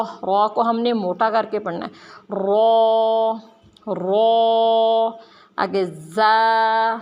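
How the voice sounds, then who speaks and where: Woman teaching letter sounds slowly. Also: a little high, dull audio. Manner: drawn-out, emphatic letter sounds, explaining mouth positions. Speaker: Quran reading teacher. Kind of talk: slow, careful letter-by-letter pronunciation lesson.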